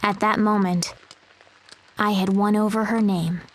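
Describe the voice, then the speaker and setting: Woman doing a shy little critter telling a game story, soft and slow. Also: medium pitch, steady tone, lightly acted, poor audio. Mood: wistful. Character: small animal narrator, timid, posing as a girl. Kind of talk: scripted game narration.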